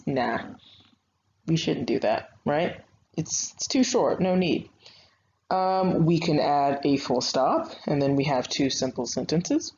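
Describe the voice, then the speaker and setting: A woman's voice: low voice, a little mellow. A young woman writing instructor giving a recorded online grammar lesson, talking patiently and conversationally with frequent fillers. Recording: slightly dull lo-fi sound with faint noise.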